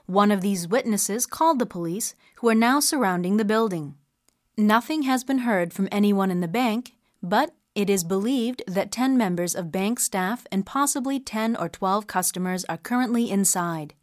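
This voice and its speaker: Woman reading a news bulletin, crisp and even, mid pitch, dead dry studio. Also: normal speed, dry recording. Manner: crisp, even newsreader delivery. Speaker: news reader. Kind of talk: scripted news report.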